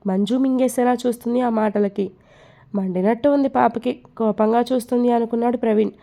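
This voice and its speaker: A woman narrating a romance story in a steady reading voice. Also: a little high, brisk, creaky.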